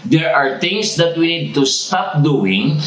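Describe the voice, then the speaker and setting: A man with a Cebuano accent preaching a sermon as pastor, repeating each point deliberately and prompting the congregation to say phrases back. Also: fairly high pitch, animated, fairly bright tone, echoey room, low-quality recording. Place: church sanctuary.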